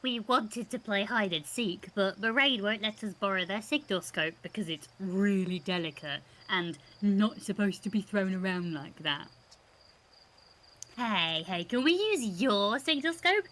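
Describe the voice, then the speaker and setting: A woman voicing a playful little alien child who is eager, pleading and excitable as it reads game dialogue. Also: medium pitch, measured pace, rough recording. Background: game music.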